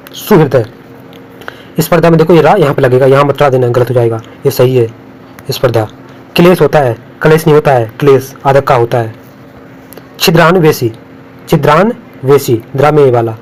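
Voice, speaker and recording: The Hindi exam tutor in this clip has a medium-pitched, slightly mellow voice, heard through poor audio. Working from on-screen notes, he repeats each spelling and warns which mistakes will be marked wrong.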